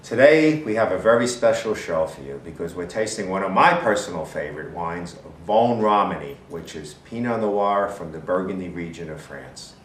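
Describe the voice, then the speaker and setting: A man's voice: sits low, expressive, moderate pace, few pauses. A man co-hosting a wine tasting show, talking in an earnest, descriptive connoisseur's manner. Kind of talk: wine review, conversational presenting. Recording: roomy echo, distant mic, faint noise.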